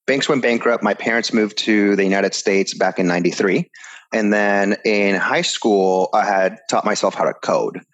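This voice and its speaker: A man from Ecuador, a guest on an interview show, telling his background in an energetic, casual way. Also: fairly low pitch, normal speed.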